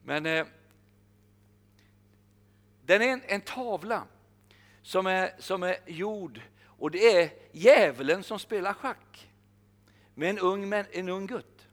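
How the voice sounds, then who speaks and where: An older man preaching a sermon, emphatic, slowing down to repeat his key phrases. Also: high voice, animated.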